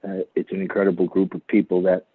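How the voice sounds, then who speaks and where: A man speaking at a remote committee meeting over conference call audio, halting and repeating words. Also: low voice, monotone, slightly rough, dry recording. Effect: phone-line conference call audio. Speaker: committee member. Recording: tinny phone line, dry.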